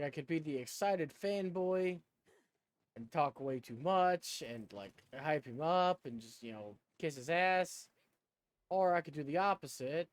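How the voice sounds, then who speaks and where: Man with a swooping, animated pitch, thinking aloud. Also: no echo. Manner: rambling, self-conscious, thinking aloud. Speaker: video game streamer. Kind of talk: casual chat and commentary while playing a game.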